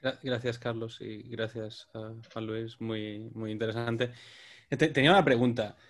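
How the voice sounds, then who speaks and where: A man's voice: mid-range voice, fairly even intonation, a little slow. A man asking a question in an online academic discussion, with stammering starts to his phrases. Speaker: seminar participant asking questions. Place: online video call.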